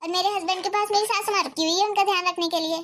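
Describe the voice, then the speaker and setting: A woman's voice: extremely high pitch, steady tone, racing, fairly bright tone, a little hiss or hum. A woman doing a worried, self-blaming young friend.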